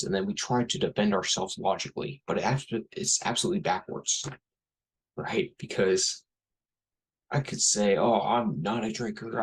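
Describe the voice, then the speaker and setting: A man's voice: on the low side, gravelly, husky, low-quality recording. A man in his thirties talking through a rambling, blunt casual monologue, full of fillers and restarts. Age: 30s. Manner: rambling, blunt, frequent fillers and self-corrections. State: has a headache. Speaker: podcast host.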